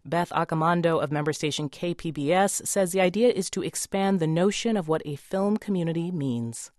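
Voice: medium pitch, fairly quick, a little mellow, no echo. Dry studio-voiced radio news host. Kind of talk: scripted storytelling introduction.

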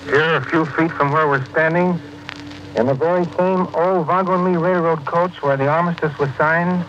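A man reporting on the spot for radio, heard on an old archival recording in a clear, measured way. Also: fairly high pitch, fairly even intonation, a bit bright. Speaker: radio correspondent. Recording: dull lo-fi with hiss.

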